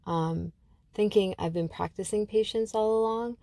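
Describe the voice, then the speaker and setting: A woman from Algeria hosting her own podcast, speaking thoughtfully with many pauses and restarts as she reflects. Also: medium pitch, dark tone, no echo. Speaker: podcast host. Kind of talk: reflective solo podcast talk.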